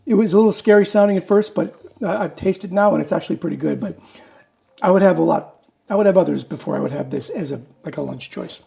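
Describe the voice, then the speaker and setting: Gravelly man in a casual taste test. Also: high-pitched, fast, dark tone. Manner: candid, wary of new foods. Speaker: co-host tasting food.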